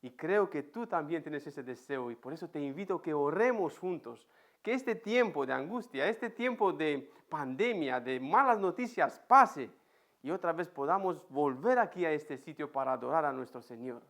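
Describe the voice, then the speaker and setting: A man's voice: on the high side, lively intonation, normal speed, a bit bright. A man with an accent from Spain, preaching a sermon in an empty church and telling a personal story vividly. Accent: Spain Spanish. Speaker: pastor.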